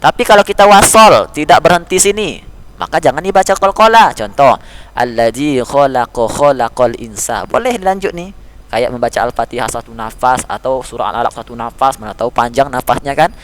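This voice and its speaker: A man's voice: mid-range voice, animated, a bit bright. Man teaching Quran letter pronunciation. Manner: demonstrates letter sounds slowly and repeatedly; calls listeners "nak", speaks as a father figure. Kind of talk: tajweed lesson.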